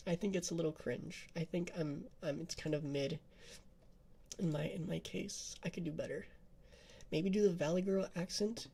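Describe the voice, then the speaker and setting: A man's voice: fairly high pitch, fairly even intonation, normal speed, gravelly, mellow, husky. A man chatting casually on a live stream, giggly and self-mocking as he tests out voices.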